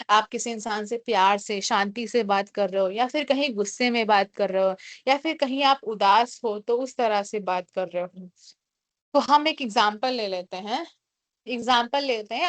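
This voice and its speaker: A woman teaching a class, explaining each point in Hindi and reading English definitions out slowly. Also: fairly high pitch, no echo. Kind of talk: classroom lecture.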